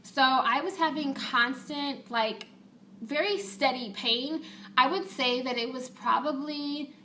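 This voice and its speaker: A woman chats casually to her viewers in the manner of a personal vlog update. Her voice is bright and crisp-edged, pitched a little above average. She comes across as candid and talkative, speaking informally throughout. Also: takes it slowly, slight background noise. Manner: chatty, candid, with casual swearing. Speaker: vlogger.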